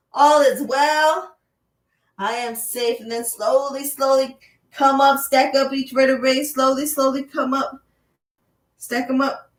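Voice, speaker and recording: A woman leading a chair yoga class, guiding breath and movement with slow, soothing, repeated cues. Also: on the high side, a bit bright. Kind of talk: guided yoga class with visualization. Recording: echoey room, voice from far off.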